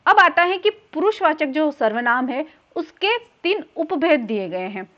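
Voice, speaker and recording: A woman's voice: high voice, big pitch swings, a little slow, highs cut off. A woman teaching a grammar lesson for exam students, explaining each point patiently and repeating key terms, with a few filler sounds.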